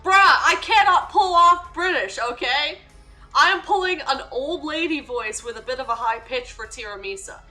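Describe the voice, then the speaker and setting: Lively, swearing young woman streamer. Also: high-pitched, moderate pace, soft background music, low-quality recording. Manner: blunt, swearing, laughing often. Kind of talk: casual gaming commentary.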